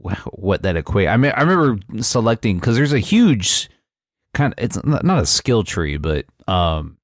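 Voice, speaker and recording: A man in a casual gaming discussion, speaking haltingly and searching for his words. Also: fairly low pitch, big pitch swings, dry recording, clean studio sound.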